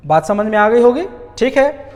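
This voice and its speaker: A man teaching a grammar lesson in a very animated voice that climbs and dips widely. He keeps asking questions and answering them himself, and he repeats key words slowly. His voice rings with a long reverb, as if recorded in a bare hall. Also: extremely high pitch, faint music behind.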